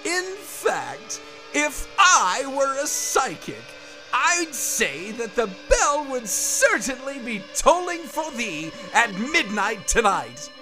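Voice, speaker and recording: A maniacal, theatrical villain taunts in a very high voice that swoops wildly. The words are drawn out with mocking glee, comic-book drama style. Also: male voice, wildly swooping pitch, over music, exaggerated voice, poor audio. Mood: gleeful, taunting. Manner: mocking, sing-song, drawn-out. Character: the Joker, gleeful maniacal theatrical male villain.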